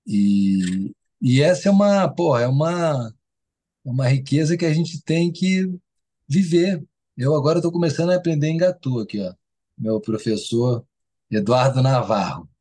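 A man's voice: medium pitch, expressive, moderate pace, dark tone. A man speaking as an interview guest in a casual, enthusiastic, rambling way, with many restarts and casual swearing.

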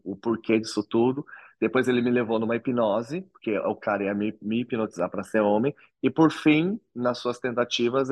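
Earnest man, low dry voice. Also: a little mellow, no echo. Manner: earnest, reflective storytelling. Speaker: interview guest. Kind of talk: personal testimony in an interview.

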